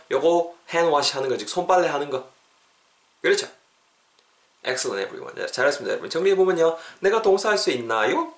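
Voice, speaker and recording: A man teaching English phrases in a podcast lesson, chatting and encouraging listeners, slowing down to drill each phrase. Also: medium pitch. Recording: roomy echo.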